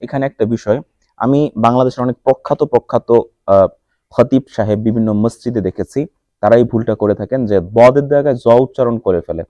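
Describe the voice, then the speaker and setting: A man's voice: mid-range voice, mellow, dry recording, dull audio. Man teaching Quran recitation. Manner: slow drawn-out recitation between brisk explanations; corrects pronunciation by repeating letters.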